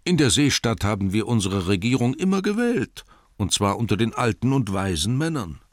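A man voicing a sly, pompous older town mayor who makes loud, ringing speeches in an audiobook reading. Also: on the low side, very animated, moderate pace, no room sound, studio quality, pitched above the performer's own voice. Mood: scornful.

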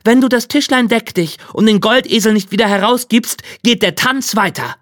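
A man's voice: on the high side, sing-song, a little slow, no echo, clean studio sound. A man voicing a proud, bold young male turner journeyman in a fairy tale. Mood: eager. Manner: bright, eager and boastful.

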